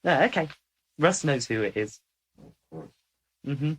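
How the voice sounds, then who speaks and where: A woman moderating a channeling session, brisk and joking with the sitters. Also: sits low, expressive, breathy edge, poor audio. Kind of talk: channeling session, casual chat.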